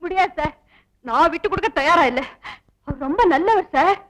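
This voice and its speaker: A woman's voice: very high voice, expressive, fairly quick, fairly bright tone, poor audio. An actress playing a frank, spirited young woman in a 1960s film drama, given to tearful, pleading outbursts. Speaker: lead actress in a film scene.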